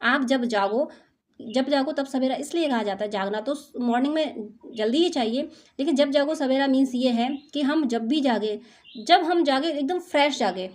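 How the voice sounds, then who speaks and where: A woman's voice: high voice, moderate pace, a little mellow. A woman doing an intuitive spiritual reading for her viewers, talking in a soothing, motherly, reassuring way. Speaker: spiritual card reader.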